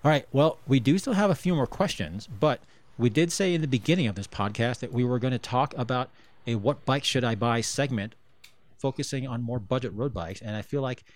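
A man's voice: mid-range voice, a little fast. Easygoing man hosting a podcast. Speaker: podcast host. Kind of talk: casual podcast chat, reading listener questions.

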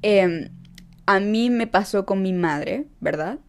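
A young woman chatting casually to her followers, emphatic and quick to laugh. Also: mid-range voice. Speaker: vlogger. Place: Los Angeles.

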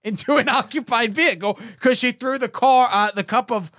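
A podcast host in his thirties runs a casual comedy chat, jokingly reading odd news stories aloud and tossing in asides. His very high voice is pushed and bright, delivered at a normal speed, with no room sound in the recording.

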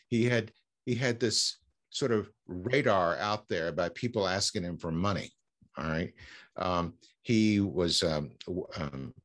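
A man speaking as a fundraising consultant in an interview, explaining with frequent fillers and restarts. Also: fairly low pitch. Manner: halting, many fillers and restarts. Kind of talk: conversational interview answers.

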